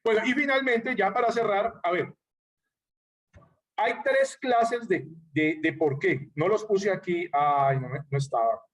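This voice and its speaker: A man's voice: sits high, a little slow, a bit bright, recorded from a distance, slight background noise. A man teaching a writing workshop in an online class. He explains patiently, gives spoken examples and checks in with the students.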